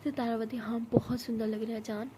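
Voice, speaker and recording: A woman's voice: little pitch movement, fairly quick, noisy background. A woman telling a love story in a casual spoken way, acting out the characters' lines herself. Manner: acts out both girls' lines with rising pitch and force.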